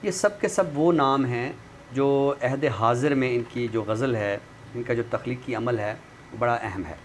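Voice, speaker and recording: This recording features a man serving as a literary commentator and guest expert, his mid-range voice measured and formal. He talks about books, reviews one, and recites poetry, while clear background noise runs underneath.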